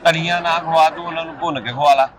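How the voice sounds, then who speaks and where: Fast, bright-voiced mocking shopkeeper man. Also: fairly high pitch, fairly even intonation, some chatter behind. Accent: Punjabi. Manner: mocking, exasperated, quick retorts. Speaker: chicken shop keeper. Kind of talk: scripted comedy sketch banter.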